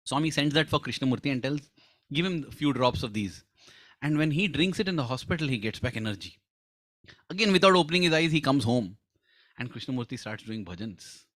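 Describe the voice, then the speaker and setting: A man's voice: mid-range voice, expressive, fairly quick, fairly bright tone, no echo. A man giving a devotional talk, telling a story and acting out the quoted lines, often turning to his listeners with "huh?" and "no?". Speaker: spiritual speaker.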